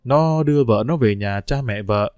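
A man voicing a gentle elderly country aunt who talks slowly and softly. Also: mid-range voice, dry recording, close to an everyday voice.

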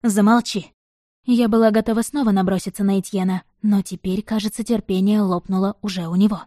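A woman narrating a romance novel in the first person, with an expressive, dramatic reading. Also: medium pitch, fast talker, no echo, studio quality. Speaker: audiobook narrator.

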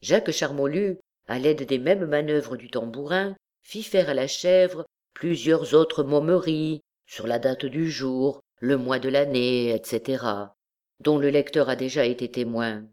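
A woman narrating a classic novel as an audiobook, in a measured, deliberate reading. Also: rumbling low, darkish tone. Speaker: audiobook reader.

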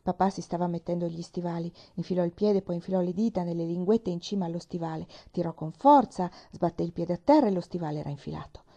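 Warm-voiced woman reading a story aloud. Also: on the low side, fast, few pauses. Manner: expressive, drops to whispers. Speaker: reader. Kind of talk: audiobook narration.

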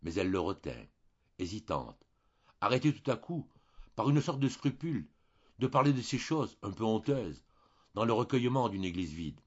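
A male audiobook narrator reads a classic novel in a measured, expressive way. His voice is low and somewhat husky, with lively swings of pitch. The recording is dull and slightly lo-fi, made at a home microphone. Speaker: audiobook reader.

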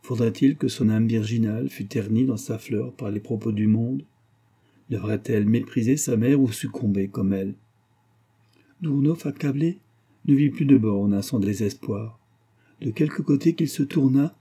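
A man reading a classic novel aloud as an audiobook, in a measured, steady literary narration. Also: medium pitch, breathy edge. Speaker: audiobook reader.

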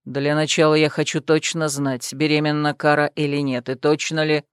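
A woman voicing a cold, authoritative man, a judge, speaking low, quiet and measured in an audiobook. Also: little pitch movement, smooth, dry recording, clean studio sound, close to an everyday voice.

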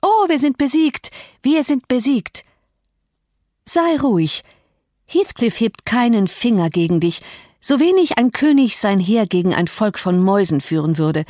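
A woman's voice: medium pitch, sing-song, moderate pace, a little mellow, no echo, clean studio sound, lightly acted. A woman voicing a proud, volatile young woman who speaks in a cutting, imperious way in an audiobook. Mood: scornful. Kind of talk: audiobook character reading.

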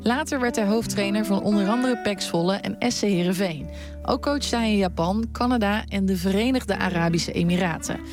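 A woman reporter narrating a sports radio feature in a measured, clear way and putting questions to a guest. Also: mid-range voice, over music.

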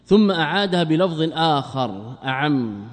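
A man teaching a religious text as a sheikh, lecturing quickly and asking his students questions he then answers himself. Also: on the high side, lively intonation, long reverb tail.

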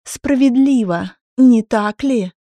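An unhinged, furious young woman, voiced by a woman reading an audiobook, shrieking and mocking. Her voice sits well above the reader's own, with a dark, mellow timbre. The recording is dry and close. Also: takes it slowly, no echo. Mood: menacing. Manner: shrill, screaming, mocking.

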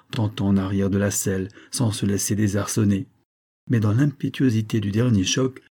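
Male audiobook narrator, measured storytelling, low husky voice. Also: warm tone. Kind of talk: scripted narration.

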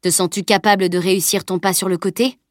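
A woman reading the part of a skeptical old male scholar in an audiobook, measured in tone. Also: mid-range voice, fairly even intonation, no echo, clean studio sound, close to an everyday voice.

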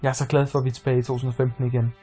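A man's voice: medium pitch, little pitch movement, warm tone, slightly rough, soft background music, lightly acted. A man voicing an earnest young man in a story read aloud. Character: young man, relieved and pleading.

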